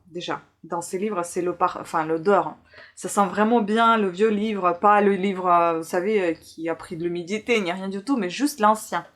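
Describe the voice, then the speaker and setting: A woman talks casually to her viewers as a book vlogger, showing her haul one item at a time. She speaks hesitantly and pauses often on filler sounds, keeping an easy, chatty manner. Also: mid-range voice.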